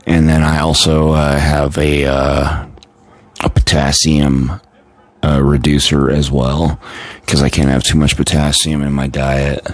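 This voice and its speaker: A man with a very deep voice talks casually on a live stream, tired and yawning. His delivery stays low and flat as he rambles on with many fillers and restarts. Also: a little slow, no room sound.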